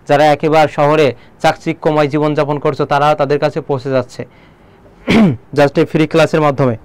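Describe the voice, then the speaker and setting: A Bangladeshi man leads an online exam-prep lesson, firing quick questions at his students as he explains. His voice sits high and smooth, and the sound is dry and close. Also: no room sound. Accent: Bangladeshi Bengali. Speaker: teacher.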